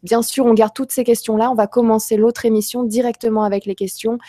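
A woman's voice: on the high side, flat delivery, fairly quick, warm tone. A woman hosting a live stream, reading out viewer comments with many hesitant fillers.

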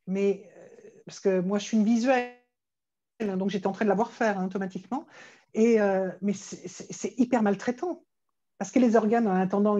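French therapist lady, mellow darker voice, dull lo-fi sound, talks frank and fired up. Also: a little high. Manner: frank, animated, repeats words when starting. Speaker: therapist and stress coach, guest. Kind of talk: conversational interview talk.

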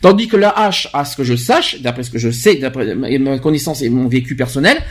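A man's voice: mid-range voice, lively intonation, brisk. A man hosting a podcast, talking emphatically in a casual chat and often restarting his words. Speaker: podcast host.

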